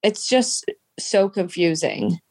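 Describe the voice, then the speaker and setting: Congested lady podcast host, stuffy nose, lowish voice, slow n dry, chatting casually. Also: animated, a little mellow, dry recording. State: congested from allergies. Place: at home on a couch, recorded over a video call.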